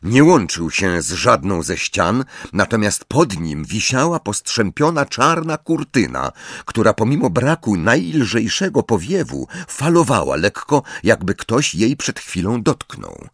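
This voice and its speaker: A man narrating a fantasy audiobook in an expressive, dramatic manner. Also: lowish voice, a little slow, hardly any pauses, no room sound, clean studio sound.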